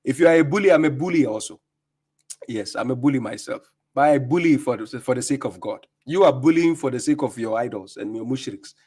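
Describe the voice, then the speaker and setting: A man's voice: mid-range voice, a little fast, a little mellow, husky. A Ghanaian man hosting a live stream, reacting to clips with mocking commentary, laughing often and repeating himself.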